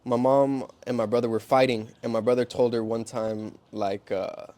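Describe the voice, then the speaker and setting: A man's voice: medium pitch, flat delivery, normal speed, warm tone. A man co-hosting a podcast in casual chat, candid and swearing freely, slipping Spanish phrases into his English. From Mexican-American family from Durango. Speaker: podcast co-host.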